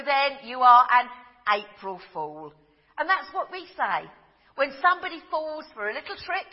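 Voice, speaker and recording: A woman giving a gentle storytelling sermon. She tells simple stories and grows soft and slow at the tender moments. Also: sits high. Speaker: preacher. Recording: dull sound with long hall reverb.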